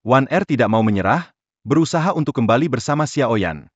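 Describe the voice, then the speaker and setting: A man's voice: medium pitch, expressive, a little fast, no echo, muffled recording, close to an everyday voice. A man playing a groom's loyal aide in a dubbed melodrama, accusing in a stern, emphatic way.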